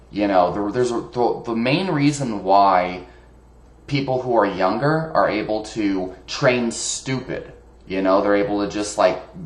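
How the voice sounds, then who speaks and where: Man rambling in an echoey room. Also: lowish voice. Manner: rambling, many fillers and restarts. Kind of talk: casual monologue.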